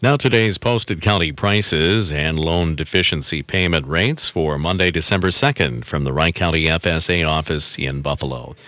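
A man's voice: a bass voice, normal speed, hardly any pauses, bright, forceful tone, no room sound. A man reading a scripted radio bulletin of farm prices, item by item. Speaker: radio announcer.

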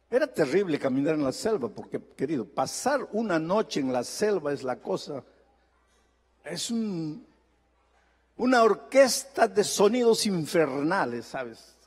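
High-voiced older pastor preaching from Peru. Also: male voice, a little mellow, slightly rough, big-room sound. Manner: emphatic preaching with rising and falling intensity. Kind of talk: sermon.

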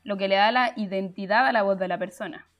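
A woman's voice: mid-range voice, brisk, faint music behind. A young woman hosts a live stream, explaining her points chattily and answering the chat, with frequent fillers and restarts.

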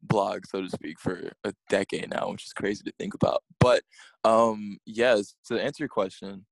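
Low gravelly New man. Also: fairly even intonation, normal speed, dry recording, poor audio. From Queens, New York. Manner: laid-back, self-deprecating, lots of fillers. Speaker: guest, music blogger. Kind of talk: casual interview chat.

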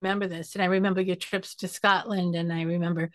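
A woman's voice: lowish voice, flat delivery, no room sound, studio quality. Encouraging woman podcast host. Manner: supportive, halting, encouraging. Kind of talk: conversational interview.

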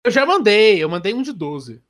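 A man's voice: sits high, very animated, moderate pace, a bit bright. A young man with a Brazilian Portuguese accent, co-hosting a podcast in slangy, joking casual banter. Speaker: podcast co-host.

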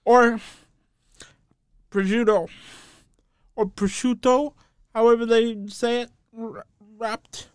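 Slow, halting podcast co-host. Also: medium pitch, completely flat delivery, clear, resonant tone, no echo, clean studio sound. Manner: halting, pausing often to search for words; defends unusual food picks with blunt opinions. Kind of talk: casual sports podcast chat.

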